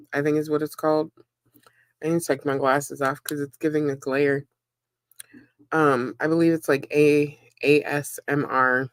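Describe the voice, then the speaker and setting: A woman's voice: low voice, smooth, dry recording. A woman chatting casually on a live stream while she eats and works, rambling with many ums and likes. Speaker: livestreamer and web content creator.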